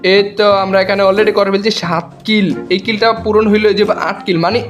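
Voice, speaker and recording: A young man with a Comilla Bengali accent, giving excitable, joking live commentary over his gameplay and taunting the opponents he runs into. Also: high voice, fast, faint music behind. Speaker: gaming YouTuber.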